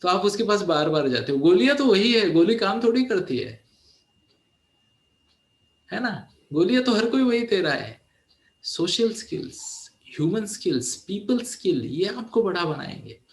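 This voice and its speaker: In an echoey room, a forties-aged teen mentor delivers a motivational talk, slipping English phrases into his Hindi and repeatedly checking in with "है ना?". He sits high in pitch and sounds very animated, though never rushed.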